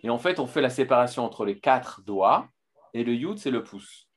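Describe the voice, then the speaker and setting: A man teaching a filmed Torah lesson, lively, with many restarts and fillers. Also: medium pitch, moderate pace.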